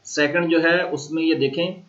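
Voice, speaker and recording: A man with a Pakistani accent giving a recorded university lecture, explaining slowly and repeating sounds aloud to model them. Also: fairly high pitch, steady tone, a bit bright, lo-fi sound. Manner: slow, repetitive explaining, modeling tones aloud. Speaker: language teacher.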